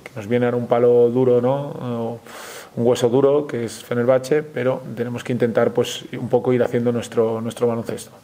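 Calm, low-key Spanish coach, mellow tone. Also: male voice. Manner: measured, frequent hesitations and restarts. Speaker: basketball coach. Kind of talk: post-game press conference.

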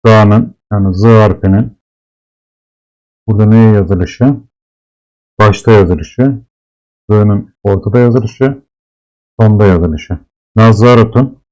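A man teaching Arabic letters, explaining slowly and patiently and repeating each sound several times. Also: lowish voice, a little mellow, highs cut off. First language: Turkish. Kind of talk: slow classroom explanation of letters.

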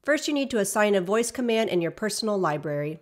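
Woman, medium pitch, scripted tutorial narrator, measured instructional delivery, app demo voice-over. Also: very animated.

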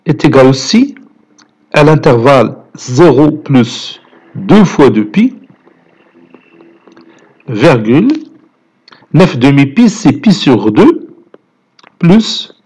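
A man's voice: mid-range voice, darkish tone, breathy edge. A man with a Moroccan accent teaching math, explaining a graph step by step and mixing French with Moroccan Arabic. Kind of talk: lecture.

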